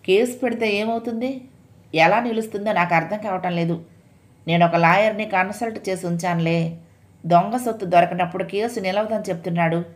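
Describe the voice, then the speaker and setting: A woman's voice: medium pitch, a little fast, close to an everyday voice. A woman voicing a confident young man who reassures his frightened fiancée with a cocky tone, in a read-aloud story.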